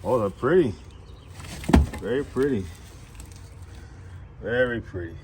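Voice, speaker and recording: A man narrating a casual workshop vlog, relaxed and enthusiastic, often repeating his praise with exclamations. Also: mid-range voice, slow pace. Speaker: auto shop owner. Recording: noisy background.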